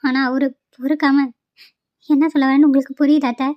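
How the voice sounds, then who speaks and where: A woman's voice: high voice, little pitch movement, brisk, no echo, lightly acted. A woman voicing a tearful, pleading young pregnant daughter-in-law in a cartoon, on a dull lo-fi recording.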